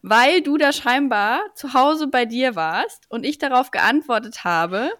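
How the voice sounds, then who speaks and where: A woman from Franconia co-hosts a podcast, telling a story casually with light laughs. Her voice sits a bit high, and the recording is dry and close. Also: animated, unhurried, fairly bright tone, no echo. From Franconia, Germany. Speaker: podcast co-host.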